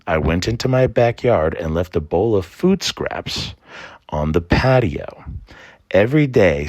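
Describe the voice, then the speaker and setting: A man narrating a scripted trickster folktale and explaining it in an expressive storytelling manner. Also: deep voice. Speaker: storyteller and presenter.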